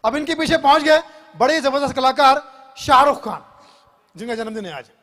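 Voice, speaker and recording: A man's voice: very high-pitched, normal speed, a bit bright. A male stand-up comedian introducing his impressions on stage like a show host.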